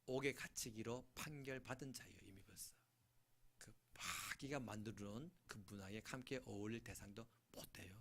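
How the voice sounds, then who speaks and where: A male pastor preaching a sermon, swinging from shouting to hushed asides and acting out scenes. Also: fairly low pitch, normal speed.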